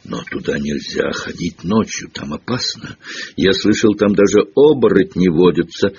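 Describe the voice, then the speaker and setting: A man's voice: low voice, expressive, normal speed, darkish tone, lo-fi sound, a little hiss or hum. A man doing a shaken arrogant schoolboy. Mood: scared.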